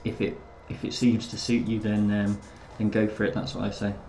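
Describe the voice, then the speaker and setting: A man's voice: on the low side, monotone, brisk, mellow, roomy sound, slight background noise. A man live streaming and chatting casually with viewers, hesitant and full of filler words.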